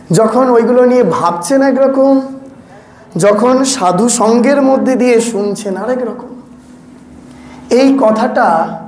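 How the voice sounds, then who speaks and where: A man's voice: extremely high pitch, darkish tone, slight background noise. An older man, a monk, giving a sermon to an audience, questioning them directly and adding wry asides. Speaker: monk giving a spiritual talk. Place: hall with an audience. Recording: echoey hall.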